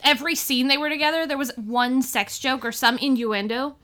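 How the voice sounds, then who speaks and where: Young woman, high voice, bright tone, casual movie chat, animated, swears. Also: brisk. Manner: animated, swears, acts out quotes. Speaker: podcast co-host.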